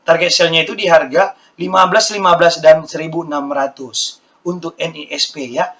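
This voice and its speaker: A hoarse man walking viewers through stock charts in a casual lesson, repeating his points and calling his audience friends. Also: fairly high pitch, steady tone, normal speed, a bit bright. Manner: repetitive, keeps addressing viewers as friends. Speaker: stock market educator. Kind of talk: screen-share stock chart walkthrough.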